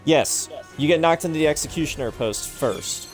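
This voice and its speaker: Guy gaming w a friend, casual explainer talk, music clearly going behind him. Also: fairly high pitch, normal speed. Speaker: gamer playing online matches. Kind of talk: casual gaming chat, explaining game mechanics.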